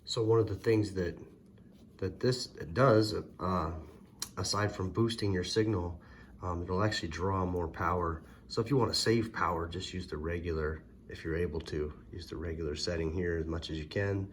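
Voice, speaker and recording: In a folksy, plainspoken way, a male product reviewer walks through a hands-on demonstration casually. His voice is low-pitched, fairly even in intonation, and moderately paced. Vehicle ambience and loud background noise are audible.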